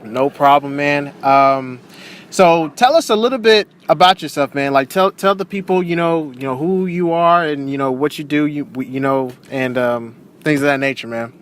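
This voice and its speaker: A man hosts a casual interview show, upbeat and chatty and heavy on fillers like "man" and "you know." His pitch is fairly high and his pace moderate.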